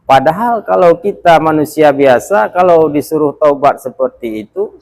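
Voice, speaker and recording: A man's voice: fairly high pitch, expressive, moderate pace, creaky, darkish tone. A man, a religious teacher, delivering a storytelling sermon with dramatic, emphatic rises and drops. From Aceh.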